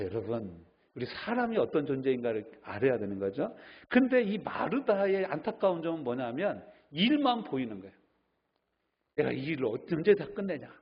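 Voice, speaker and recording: A man's voice: on the high side, slightly rough, lo-fi sound. A middle-aged male pastor preaching a sermon, telling stories and acting out the voices of the people he quotes.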